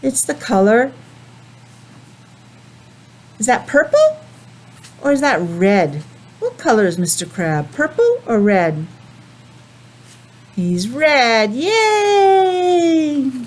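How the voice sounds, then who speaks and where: High-voiced and speaking very slowly with long pauses, a woman teacher reads a picture book to young kids. She stays lively, chatting between pages and posing easy questions to the children.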